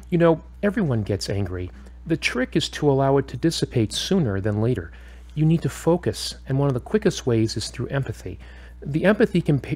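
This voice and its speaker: This mid-range male voice belongs to a steady, firm therapist character in an audio drama, speaking in a measured way that instructs and questions. He sounds encouraging and instructive.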